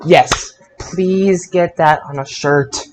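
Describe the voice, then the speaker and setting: Speaking slowly in a voice on the high side, this man co-hosts a podcast and recaps wrestling shows in an informal, bantering way, tripping over words occasionally.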